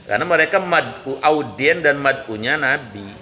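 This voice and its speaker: A man's voice: medium pitch, animated, moderate pace, bright, forceful tone. A male Islamic preacher giving a casual, humorous sermon and asking his listeners questions. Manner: humorous, conversational, asks the audience questions.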